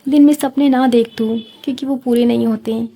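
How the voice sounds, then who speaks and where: A sly young man who talks smooth and mocking to trick a girl out of her locket, read by a woman. The voice sits fairly high and stays flat and even, with a soft, husky, mellow tone. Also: brisk. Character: scheming young man after a magic locket.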